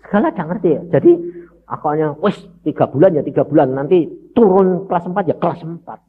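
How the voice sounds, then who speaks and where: A man's voice: fairly high pitch, lively intonation, quick pace, breathy edge. A man preaching a sermon, telling a personal story and addressing the congregation directly. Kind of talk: sermon testimony. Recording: dull lo-fi sermon audio.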